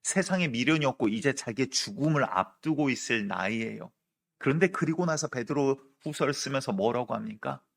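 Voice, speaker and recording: A man's voice: mid-range voice, a little fast, vocal fry. A middle-aged male pastor preaching a sermon, telling the story with drama and acting out the voices of the people in it. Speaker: senior pastor.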